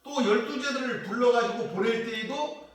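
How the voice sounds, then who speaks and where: At a prayer retreat church, a male pastor preaches a sermon, working through scripture passage by passage and voicing the mocking questions of his listeners. His voice is very high-pitched and fairly bright, at a normal speed. The mic sits at a distance in a very echoey church hall.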